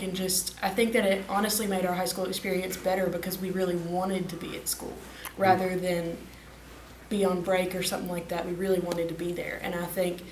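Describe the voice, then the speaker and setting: A woman's voice: mid-range voice, slight background noise. Teen girl, distant and echoey. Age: teens. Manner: chatty, laughs between thoughts. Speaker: graduating student, class historian. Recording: echoey room, distant mic.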